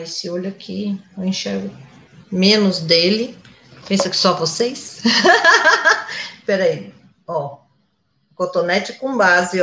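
Slow-talking mature woman teaching makeup. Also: lowish voice, fairly bright tone. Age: older. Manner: chatty, constantly checking in with viewers. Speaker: makeup instructor. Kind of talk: live makeup tutorial. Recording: echoey room.

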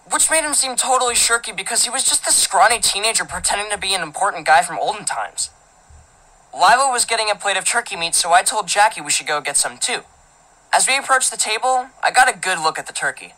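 A woman's voice: mid-range voice, animated, brisk, bright, forceful tone, rough recording. A woman narrating a teenage boy's first-person story as an audiobook, in a casual, filler-filled, indignant manner. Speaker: audiobook reader.

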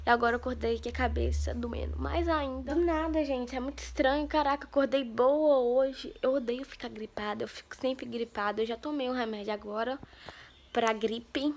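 Speaking at a moderate pace in a high-pitched voice, a young adult woman from Brazil films a casual vlog on her phone, held at arm's length in the rooms of her home. She gushes, frequently addresses her audience, and sounds congested from a cold.

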